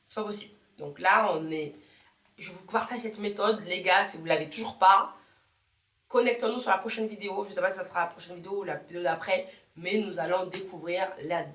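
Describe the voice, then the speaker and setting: A woman's voice: on the low side, fairly bright tone. Woman in her 30s rambling through a motivational vlog, repeats stuff for emphasis, roomy echo on the mic. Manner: chatty, repeats words for emphasis, rambles and self-corrects. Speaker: YouTuber. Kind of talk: casual motivational vlog talk. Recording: echoey room.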